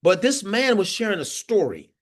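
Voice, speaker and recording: A man coaching a workforce training group over a video call. His pitch is lively and rises and falls a lot as he tells stories and asks the group questions. His voice sits a bit high for a man. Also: moderate pace. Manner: animated storytelling with laughs and audience questions. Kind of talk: interactive online training talk.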